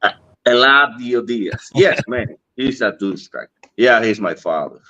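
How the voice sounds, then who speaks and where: A man's voice: medium pitch, lively intonation, measured pace, pushed and bright. A man from the Dominican Republic with a Dominican Spanish accent, telling a story casually, acting out the dialogue and often laughing. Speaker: cigar industry guest. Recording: dull lo-fi stream audio.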